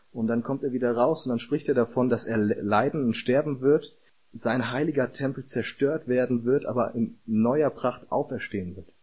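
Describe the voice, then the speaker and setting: A man's voice: mid-range voice, a little mellow, breathy edge, lo-fi sound. A man preaching a sermon in an earnest way, building to emphatic repeated calls.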